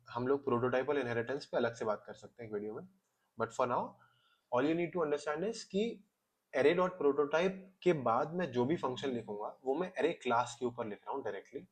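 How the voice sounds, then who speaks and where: A man teaching a coding lesson over his screen, explaining each step calmly in Hindi mixed with English terms and often checking in with "ठीक है". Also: medium pitch. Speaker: coding tutor.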